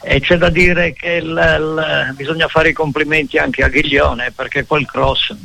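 A man with an Italian accent giving unscripted tactical football analysis as a pundit, halting and repeating himself for emphasis. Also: a little high, fairly even intonation, gravelly, bright, forceful tone.

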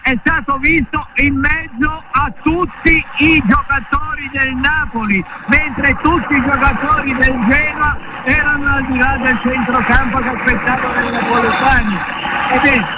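A male pundit discusses a live football match. His voice is extremely high for a man, and he repeats phrases for emphasis. Loud noise surrounds him. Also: fairly even intonation, measured pace.

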